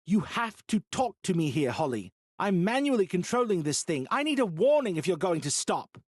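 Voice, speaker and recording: A man's voice: on the high side, animated, normal speed, dry recording, studio quality, pitched above the performer's own voice. Man doing a tense, irritated rover operator. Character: adult man, gruff remote rover operator.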